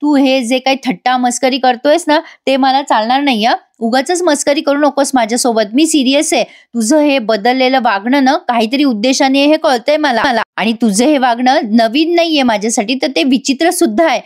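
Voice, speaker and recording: A woman's voice: high-pitched, moderate pace, hardly any pauses, lightly acted. A woman voicing an angry, stubborn young wife from a TV serial, speaking sharply. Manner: sharp, cutting.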